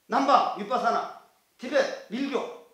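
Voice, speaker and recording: Older monk lecturing, earthy and joking. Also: male voice, very high-pitched, a little slow, bright, forceful tone, heavy reverb. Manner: earthy, joking storytelling with dialect voices. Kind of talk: dharma lecture. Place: temple lecture hall.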